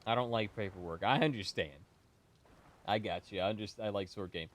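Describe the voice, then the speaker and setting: A man's voice: fairly low pitch, brisk, pitched below the performer's own voice, natural voice. A sick man putting on the voice of a rambling, folksy, gossipy man who keeps repeating himself. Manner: rambling, repeats himself, stumbles over words. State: sick, stuffy.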